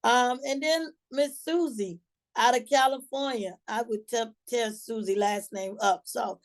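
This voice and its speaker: A woman's voice: a little high, unhurried. A woman from Georgia with a Southern US accent speaks in a folksy, encouraging, colloquial way, leading a motivational sales team call. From Georgia, USA. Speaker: sales team leader hosting a morning call.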